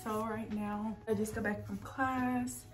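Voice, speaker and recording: A young woman with a Southern US accent talks to her phone camera, held at arm's length, while vlogging from a small apartment bedroom. She's a college student with a medium-pitched, unhurried voice, and her chatty, relaxed delivery is full of slang. Faint music plays in the background.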